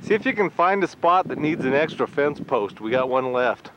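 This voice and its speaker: A man's voice: medium pitch, expressive, normal speed. A man casually narrating a home video outdoors on a rural property, pointing things out as he tours his land, heard through an old camcorder mic. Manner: chatty, points things out while touring. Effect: old camcorder audio. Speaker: homeowner filming his property. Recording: dull lo-fi camcorder sound with faint hiss.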